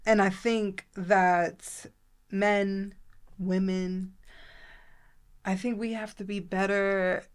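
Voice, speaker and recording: A woman with a New York accent co-hosting a podcast, talking in an animated, emphatic way. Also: mid-range voice, drawn-out words, pauses often, smooth. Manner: animated, emphatic, breaks into laughter. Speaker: podcast co-host. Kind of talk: casual chat.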